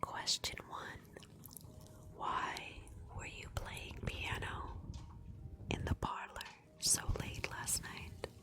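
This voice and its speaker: In a whispered ASMR livestream, a female host guides a murder mystery roleplay, her breathy voice soft, deliberate and instructive. Between stretches of narration she puts prompts to her audience.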